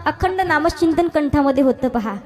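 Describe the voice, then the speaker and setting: A woman with a strikingly high, bright voice leads a devotional kirtan. She tells a humorous village story, acting out the husband and wife in turn. Now and then she sings verses in a slow, drawn-out way. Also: faint music behind. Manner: storytelling with acted village dialogue and audience questions; breaks into sung verses. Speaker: kirtan preacher. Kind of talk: comic devotional kirtan sermon.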